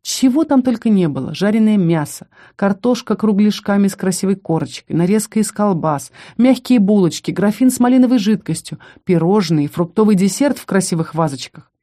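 A woman tells a first-person audiobook story with expressive delivery. Her voice is mellow and warm, and her pitch sits in a middle range. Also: a little fast, few pauses. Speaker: audiobook narrator.

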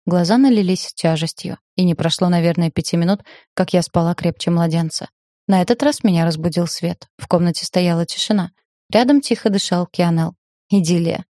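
A woman reading a first-person fantasy novel aloud, measured and lightly ironic. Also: fairly low pitch, dark tone, dry recording, studio quality. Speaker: audiobook narrator.

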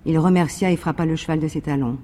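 A man's voice: a little high, in a large hall. Man reading a novel aloud. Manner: measured, even narration. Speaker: reader. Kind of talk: literary reading.

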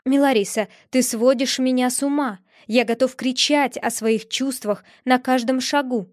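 A woman's voice: high-pitched, steady tone, moderate pace, no room sound, clean studio sound, close to an everyday voice. A woman reading an audiobook, voicing an ardent, pushy young male prince with heated insistence. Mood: insistent. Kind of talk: audiobook character voice.

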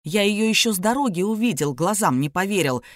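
A woman reading an anxious middle-aged businessman and father, hoarse and pleading. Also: medium pitch, animated, a little fast, no echo, studio quality, natural voice. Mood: angry. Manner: hoarse, pleading and shouting by turns.

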